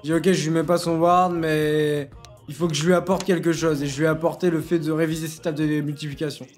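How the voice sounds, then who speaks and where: Un jeune homme administrateur d'un serveur de jeu, parlant de façon familière, argotique et autoritaire, avec des piques moqueuses. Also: male voice, fairly high pitch, little pitch movement, quick pace, soft background music. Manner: slangy, bossy, teasing. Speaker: game server admin and YouTuber. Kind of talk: casual Let's Play commentary.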